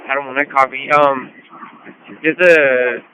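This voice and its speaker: A man's voice: medium pitch, fairly even intonation, a little slow, bright, forceful tone, a little hiss or hum. A male police officer giving clipped procedural calls and codes over police radio. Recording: dull, dry police radio transmission.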